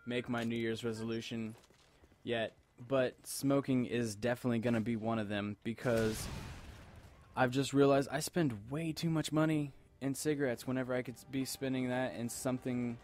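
Man, tipsy, rambling, repetitive, casual gaming commentary, medium pitch, slight background noise. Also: steady tone, moderate pace, darkish tone. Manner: rambling, repeats himself. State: tipsy from alcohol. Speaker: gamer commentator. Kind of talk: casual game commentary over gameplay.

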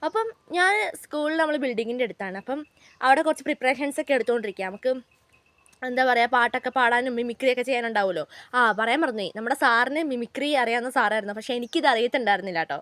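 A woman's voice: fairly high pitch, racing, fairly bright tone, no room sound. A young woman, chatting to her viewers as she tells a story from her school days on her vlog. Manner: chatty, keeps addressing viewers as guys. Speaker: vlogger.

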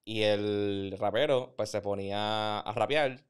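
A man hosting a podcast interview, talking in an animated, opinionated way and mixing in English words. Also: on the low side, slow pace, clean tone. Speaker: podcast host. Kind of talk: casual interview.

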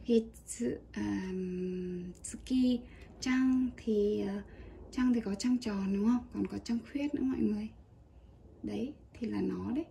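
A woman teaching a casual Japanese kanji lesson, chatty and relaxed with small laughs. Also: mid-range voice, slow pace, gravelly, a little hiss or hum.

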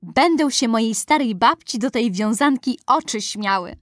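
A woman's voice: on the high side, lively intonation, moderate pace, a bit bright, no echo, studio quality. A woman voicing a cheerful little girl in a rhyming storybook, with a chirpy, sing-song delivery. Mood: eager.

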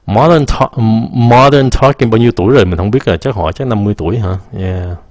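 A man teaching English pronunciation casually, answering viewer questions, stretching words out slowly and laughing at his own slips. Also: on the low side, darkish tone, no echo, studio quality. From Vietnam. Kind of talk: casual live-stream English lesson.

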